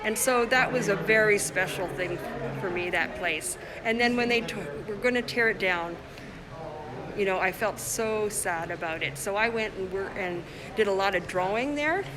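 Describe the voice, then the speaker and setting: A woman from the Congo, an artist, chats through a casual phone livestream of her exhibition, showing pieces as she walks a busy indoor gallery on opening night. Crowd chatter fills the background of the phone-mic audio, which is poor. Her voice is medium-pitched and moderately paced.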